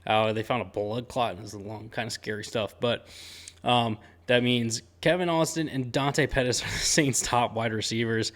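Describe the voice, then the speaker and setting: A man hosting a casual sports betting picks show, speaking at an everyday middle pitch. He sounds upbeat and conversational and throws in slangy sports talk. Fillers like "um" and "uh" run all through his delivery. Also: steady tone, normal speed, a bit bright. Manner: chatty and upbeat, with frequent "um" and "uh" fillers.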